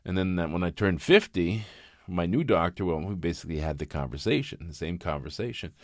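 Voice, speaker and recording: A man in his fifties talking candidly in a personal vlog, reflective and halting, often restarting his sentences. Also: low voice, expressive, no room sound, studio quality. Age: 50s. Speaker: vlogger.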